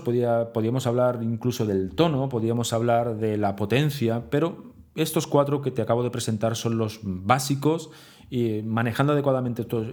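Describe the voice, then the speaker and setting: A man from teaches public speaking in a video lesson. He talks straight to the listener, asks himself questions and answers them. He stretches his pauses and swings his intonation wide on purpose to show how it is done. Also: medium pitch, darkish tone. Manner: deliberately exaggerated intonation and pauses for demonstration; addresses the listener directly with rhetorical questions.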